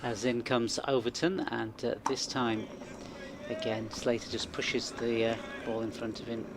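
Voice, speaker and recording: A man's voice: medium pitch, flat delivery, unhurried, background noise. A man giving live ball-by-ball commentary as a cricket commentator.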